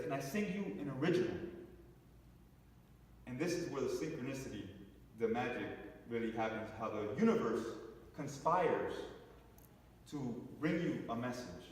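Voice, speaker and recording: In an echoey church hall, recorded from a distance, a man gives a talk to the congregation. His voice is medium-pitched and a little mellow, animated at a normal pace, as he tells a story with restarts and asides to the crowd.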